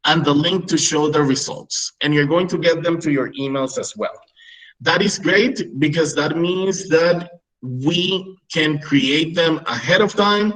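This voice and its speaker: A man in his thirties from Peru, Spanish being his first language, leads a video-call webinar for English teachers. His voice is on the high side and fairly bright, he explains patiently with regular "right?" check-ins, and the audio is poor.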